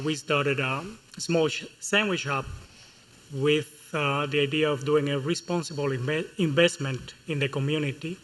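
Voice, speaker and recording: A man from Cuba with a Cuban Spanish accent, a chef speaking on a panel at a public event. He talks in a thoughtful, measured way, with pauses. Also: on the high side, sharp tone, low-quality recording. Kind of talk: panel talk. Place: museum event hall.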